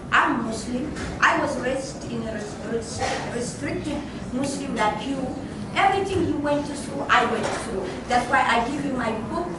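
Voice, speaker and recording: Slow halting woman in her 60s from ethiopia asking a question, far off in an echoey noisy restaurant. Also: a little high. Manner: halting, repetitive, earnest phrasing. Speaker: audience member asking a question. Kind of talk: impassioned question from the floor. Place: restaurant dining room. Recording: roomy, distant, noisy restaurant.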